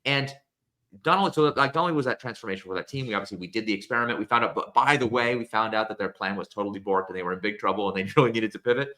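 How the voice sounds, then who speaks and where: Man, rapid storytelling, low bright voice, animated, acts out dialogue. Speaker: founder and webinar guest. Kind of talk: storytelling in a webinar conversation.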